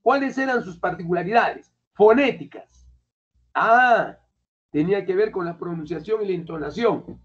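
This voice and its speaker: Heard on a dull lo-fi recording made in a classroom, this Peruvian language teacher has a high male voice and talks at a normal speed. His lecture is colloquial, and he quizzes the students again and again.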